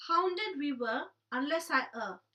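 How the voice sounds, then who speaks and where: A woman's voice: high voice, expressive, a little slow, pushed and bright, recorded from a distance. A woman reciting rhyming comic verse with theatrical, mock-indignant flair.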